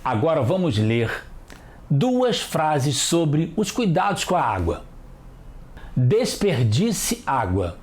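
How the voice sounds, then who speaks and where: A teacher, giving a children's TV lesson and spelling out sounds slowly and carefully. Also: mid-range voice, sing-song, a little mellow.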